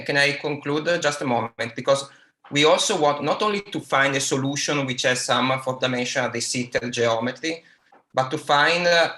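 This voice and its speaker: A man asking a physics speaker a question over a remote call, halting, with many fillers and restarts. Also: medium pitch, roomy sound. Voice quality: quiet at first. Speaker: audience member asking a question. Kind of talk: academic Q&A over a video link. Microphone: remote call microphone.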